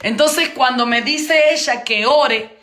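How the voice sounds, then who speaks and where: A woman preacher shares a testimony in a sermon, her voice high and bright. She tells the story vividly and repeats key phrases for emphasis. The sound carries a noticeable room echo. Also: takes it slowly. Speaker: preacher teaching on intercession. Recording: echoey room.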